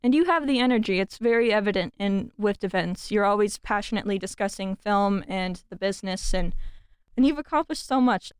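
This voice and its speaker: A woman's voice: medium pitch, lively intonation, a little fast, clean tone, no echo, clean studio sound. A woman hosting a film podcast, introducing and interviewing a guest with enthusiasm. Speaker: podcast host.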